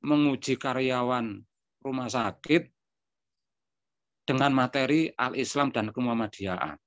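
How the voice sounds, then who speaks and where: A man with a mid-range voice tells a personal story at an unhurried pace as a spoken testimony, acting out bits of dialogue and using frequent filler words. The recording is dry, dull and lo-fi.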